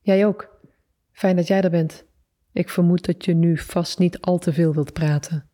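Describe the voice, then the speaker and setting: Brief: calm, kindly mother figure, read by a woman, low-pitched, mellow, quick and coaxing in an audiobook. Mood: gentle coaxing. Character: serene Buddhist mother, patient and self-assured.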